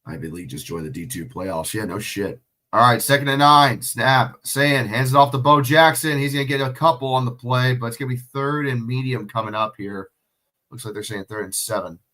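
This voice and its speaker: Medium-pitched, bright, and forceful, this man's voice moves fairly quickly as he does casual solo play-by-play of a football game on a livestream. He's sniffly and sick, curses, chats, and responds to viewers' questions in chat.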